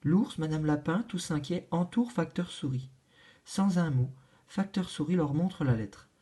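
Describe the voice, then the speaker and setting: A woman reads a children's story aloud. Her reading is gentle and expressive. She sounds like a storyteller sharing a picture book. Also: deep voice, unhurried, breathy edge.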